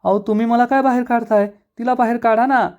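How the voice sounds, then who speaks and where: Male narrator voicing fast, shrill bickering young wife. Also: fairly even intonation, a little mellow, dull audio. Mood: indignant. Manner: rapid, shrill, insulting. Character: quarrelsome jealous young wife.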